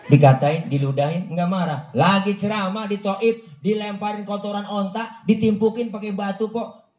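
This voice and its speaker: A man's voice: high voice, moderate pace, some chatter behind. A man with a Betawi accent giving a humorous mosque sermon, telling stories in a folksy, joking way. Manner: joking, folksy, lively storyteller. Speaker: preacher. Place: mosque hall. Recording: roomy mosque hall.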